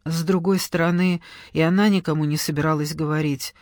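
A man narrating an audiobook story in a measured, even way. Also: fairly high pitch, dry recording, clean studio sound. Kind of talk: scripted narration.

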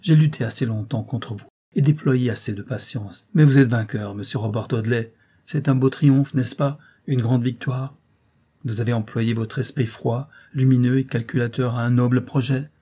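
A man reading an audiobook, voicing a defiant young noblewoman who answers in loud outbursts. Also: medium pitch, fairly even intonation, normal speed, husky, natural voice.

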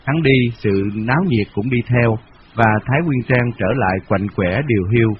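A man reading a novel aloud in a steady, measured storytelling voice, on a dull lo-fi radio recording. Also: mid-range voice, a little hiss or hum. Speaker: narrator.

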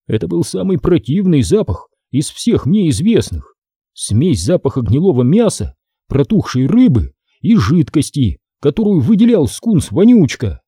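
Dark, husky male narrator. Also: fairly high pitch, sing-song, a little slow, no echo, clean studio sound. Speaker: audiobook narrator. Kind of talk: scripted audiobook narration.

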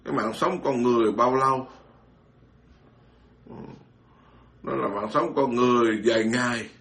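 Blunt, bright-voiced monk. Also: male voice, medium pitch, moderate pace. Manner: blunt, scolding, mocking, stammering repetitions. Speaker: Buddhist monk lecturer. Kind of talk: informal dharma talk.

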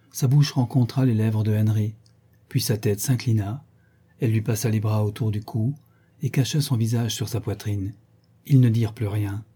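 A man narrating a classic novel in a measured, literary way. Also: lowish voice, warm tone, breathy edge. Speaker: audiobook narrator. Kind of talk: scripted narration.

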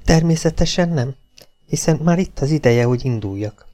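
A man's voice: fairly high pitch, animated, warm tone, voice pushed up, natural voice. A man reading the part of an anxious young woman in an audiobook, raising his voice a little.

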